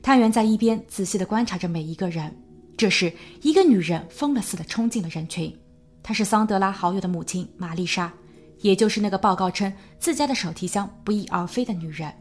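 Give me a woman narrating a true crime podcast with measured, suspenseful delivery. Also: mid-range voice, darkish tone. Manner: measured storytelling with suspenseful emphasis. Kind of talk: scripted narration.

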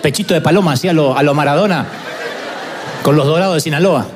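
A man, preaching a storytelling sermon that swings from hushed asides to loud, emphatic preaching. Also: on the high side, quick pace, some chatter behind, slight background noise. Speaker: pastor.

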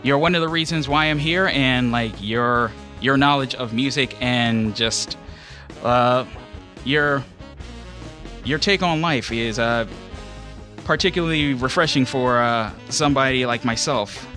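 Male radio host, natural unscripted delivery, informal and loose, crisp bright edge, faint music bed underneath. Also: mid-range voice, a little slow. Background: background music.

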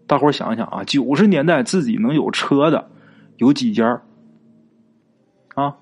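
A man's voice: medium pitch, moderate pace, breathy edge. A man narrating a ghost story in a chatty, folksy way, drawing out particles and speaking straight to his listeners.

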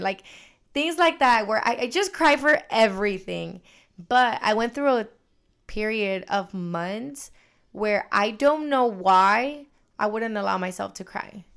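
Podcast lady chatting, open and animated, smooth voice with some vocal fry. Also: medium pitch, measured pace. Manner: candid, animated storytelling. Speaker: podcast co-host. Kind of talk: casual chat.

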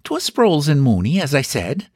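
A proper old boardinghouse landlady speaks in a furry, guarded tone, pitched far above her reader's own voice, as a man puts her on. She is stern and businesslike, and her voice sweeps widely up and down. It sounds dry and close. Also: huge pitch swings, moderate pace, a little mellow, slightly rough, no room sound, exaggerated voice. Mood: prim.

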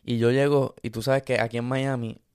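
Male co-host, smooth tone, casual rambling storyteller. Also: medium pitch, moderate pace. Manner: relaxed, rambling, with many restarts and fillers. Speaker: content creator, podcast co-host. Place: studio in Miami.

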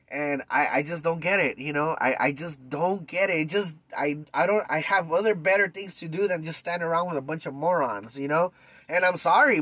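A man's voice: high-pitched, sharp tone, no echo. A man hosting a podcast, talking in a casual monologue that turns into fired-up rants full of "you know.". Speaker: podcast host.

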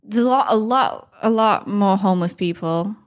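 A woman's voice: mid-range voice, normal speed. A woman hosts a casual solo podcast in a mid-range voice. Her accent mixes Thai and English. She talks in a frank, informal, rambling way, with plenty of slang. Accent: mixed Thai-English. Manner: candid, informal, rambling, with frequent slang and mild swearing. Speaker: podcast host.

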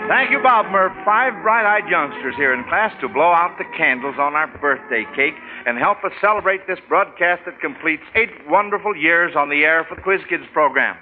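A man's voice: on the high side, lively intonation, moderate pace, hardly any pauses, faint music behind. A man hosting a 1940s radio quiz for children, with a folksy, schoolmasterly way of talking. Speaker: radio quiz show host. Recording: tinny, noisy 1940s radio broadcast.

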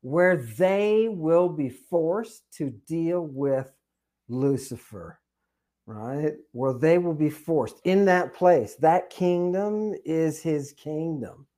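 A man with a fairly high voice talks through a podcast discussion. He is animated and peppers his points with fillers and rhetorical "right?" tags. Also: slow.

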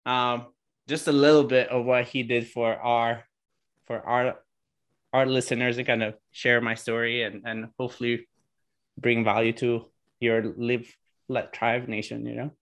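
A man's voice: medium pitch, level tone, unhurried, fairly bright tone. A man in his thirties from Sardinia, Italy, chatting as a guest on a podcast, talking loosely with frequent restarts and fillers. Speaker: podcast guest, real estate entrepreneur. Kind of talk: casual interview chat.

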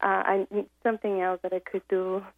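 A woman calling in to a radio show, heard over a phone line, speaking hesitantly with many pauses and fillers. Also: medium pitch, level tone, no echo. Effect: caller heard over a phone line. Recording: tinny dry phone line.

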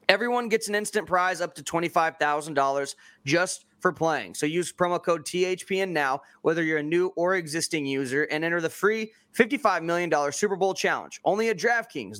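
A male podcast host delivers scripted sponsor copy with hyped, salesy enthusiasm. His voice sits a little high for a man and is recorded dry, with hardly any room sound. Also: fairly bright tone, no echo. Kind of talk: upbeat scripted ad read.

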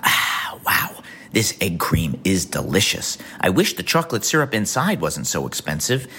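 A man's voice: sits low, sing-song, moderate pace, sharp tone, a little hiss or hum, exaggerated voice. A man playing a hammy guy savoring an egg cream in a comic ad.

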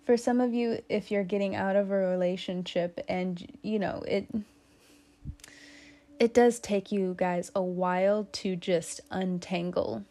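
A woman's voice: mid-range voice, steady tone, unhurried, dark tone. A woman giving a casual tarot reading, chatty and teasing, with lots of fillers. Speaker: tarot reader.

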